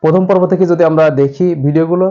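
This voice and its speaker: A man teaching Quran reading in a recorded class, asking and answering his own questions and drawing out example words slowly to show how they sound. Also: on the high side, steady tone, dark tone, dull audio. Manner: repeats examples slowly, drawing out vowels to demonstrate pronunciation; addresses viewers directly, asks and answers his own questions.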